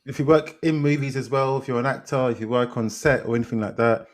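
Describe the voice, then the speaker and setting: Chill british guy co-hosting a movie podcast, lots of yeahs and mms, mid-pitched voice. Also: quick pace. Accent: British, London slang. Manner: laid-back, agreeable, many "mm" and "yeah" replies. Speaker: podcast co-host. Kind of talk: casual chat.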